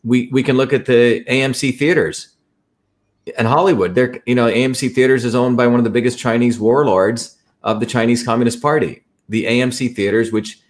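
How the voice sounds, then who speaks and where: A man's voice: medium pitch, fairly quick. A man hosting an interview, explaining his views at length in a lecturing way. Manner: lecturing, with frequent restarts. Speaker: host. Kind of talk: interview conversation.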